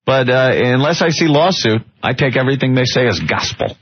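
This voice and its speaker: A man's voice: medium pitch, animated, a little fast, slight background noise. A man hosting a radio show, chatting casually and laughing as he reads tabloid stories aloud. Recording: dull lo-fi radio broadcast.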